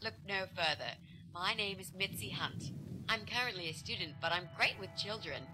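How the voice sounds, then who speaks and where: An actress voicing a young female student, a bright, fast talker who schemes. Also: lowish voice, lightly acted, low-quality recording. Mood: fake cheerful. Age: young adult. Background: game music.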